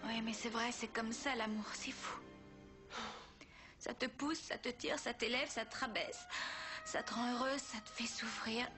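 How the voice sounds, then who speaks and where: A woman playing a warm, curious young confidante in a French-dubbed telenovela. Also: fairly high pitch, steady tone, a little slow, lightly acted. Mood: wistful. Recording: background music under dialogue.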